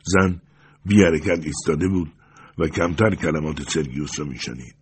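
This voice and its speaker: A man narrating a story as an audiobook in a steady, measured reading. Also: extremely low pitch, slight background noise.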